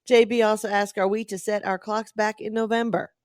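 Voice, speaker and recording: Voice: mid-range voice, level tone, a little fast, clear, resonant tone, dry recording, studio quality. Bantering radio co-host reading listener texts. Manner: giggly, bantering. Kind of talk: casual radio talk. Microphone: studio microphone.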